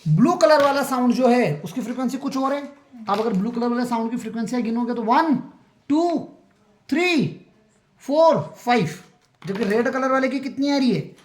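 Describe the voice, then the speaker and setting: A man's voice: extremely high pitch, expressive, normal speed. Science teacher quizzing his class. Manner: keeps checking that the class understands; counts aloud and quizzes students. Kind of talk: classroom lecture.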